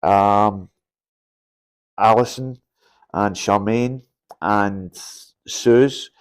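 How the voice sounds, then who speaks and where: Scottish man hosting, halting delivery. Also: lowish voice, clean tone. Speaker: podcast host, show promoter. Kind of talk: casual chat.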